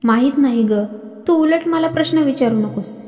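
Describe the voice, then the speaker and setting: Brief: woman storyteller voicing a soft-spoken, coaxing husband with a mellow tone and a roomy echo. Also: sits high, moderate pace, lightly acted. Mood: gentle. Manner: gentle, coaxing. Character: patient, tender middle-aged husband. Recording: echoey reverberant room.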